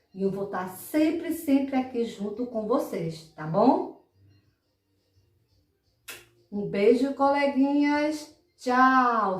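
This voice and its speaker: A woman voicing a cheerful little boy puppet who greets children in a sing-song way. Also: fairly high pitch. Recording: echoey room, mic far off.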